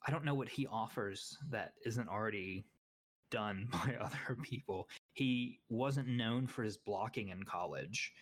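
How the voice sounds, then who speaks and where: Low-voiced young man rambling about sports. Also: measured pace. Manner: rambling, opinionated, self-deprecating. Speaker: podcast co-host. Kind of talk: casual sports chat.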